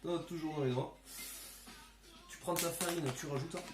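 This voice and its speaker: A man's voice: a little high, fairly even intonation, moderate pace. A man with a southern French accent running a casual cooking tutorial, cracking crude jokes and tagging his sentences with "hein" as he talks straight to the viewer. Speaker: home cook presenting a recipe. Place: home kitchen. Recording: echoey kitchen with music behind.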